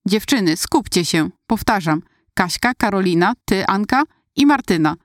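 A woman's voice: mid-range voice, animated, moderate pace, no echo, clean studio sound, natural voice. A woman voicing a pushy middle-aged male school track coach who gives urgent, rallying commands.

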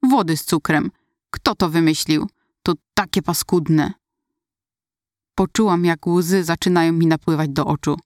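A woman narrating her own memoir in the first person, in a measured, reflective way. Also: fairly low pitch, a little mellow, dry recording, studio quality.

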